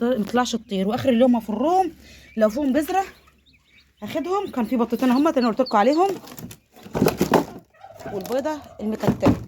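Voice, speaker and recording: A woman's voice: fairly high pitch, heavy background noise. A woman with an Egyptian accent, vlogging casually from her poultry coop, chatty and devout, full of blessings. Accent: Egyptian Arabic. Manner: nervous, laughing while handling a biting duck. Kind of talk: casual vlog, talking to viewers. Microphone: phone held while filming.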